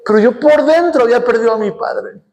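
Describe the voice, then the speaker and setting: A middle-aged man with a Mexican accent, a pastor telling a personal story and then preaching with mounting, shouted passion in a church. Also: very high-pitched, fairly quick. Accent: Mexican Spanish. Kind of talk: sermon.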